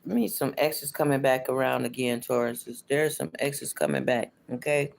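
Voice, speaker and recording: A woman's voice: extremely low pitch, expressive, moderate pace, gravelly. A middle-aged or older woman with toothless, slightly slushy articulation, chatting casually as she reads tarot on a livestream and repeating her phrases. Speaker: tarot card reader.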